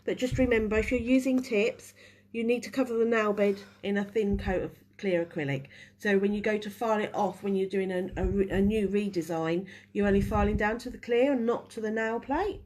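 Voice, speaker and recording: A nail technician with a head cold teaches a live nail-art class, her stuffy voice at medium pitch with a darkish tone and a slightly fast pace. She chats as she works and often restarts her sentences mid-task.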